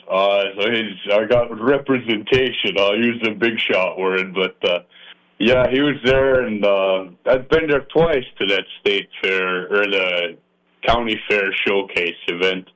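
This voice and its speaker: A man with a mid-range, fairly bright voice, a polka musician and accordion player from the Iron Range of northern Minnesota, chats casually in a radio interview. He's folksy, joking and self-deprecating, trailing off with fillers, and the audio has a dull AM broadcast sound.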